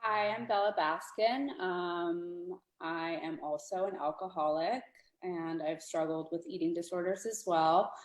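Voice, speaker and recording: A woman introducing herself on an online panel, soft-spoken and hesitant. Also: on the low side, unhurried, roomy sound. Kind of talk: casual self-introduction.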